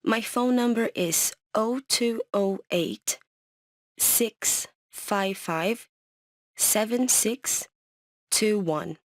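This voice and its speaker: A woman's voice: mid-range voice, very slow, no echo, clean studio sound. A woman playing a polite business caller leaving a voicemail, speaking carefully as in a scripted English listening exercise. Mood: polite, businesslike. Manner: leaving a voicemail, careful dictation, spelling things out.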